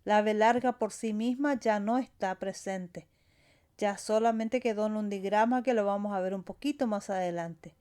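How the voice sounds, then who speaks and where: A woman's voice: mid-range voice, normal speed, mellow, clear, resonant tone. A woman teaching a language lesson, saying sounds and words one at a time and stressing the final syllables. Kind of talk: slow explanatory lesson.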